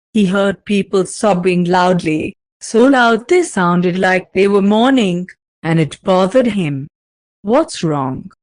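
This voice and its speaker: A woman narrating a fanfiction story aloud in a steady, even storytelling manner. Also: medium pitch, dry recording.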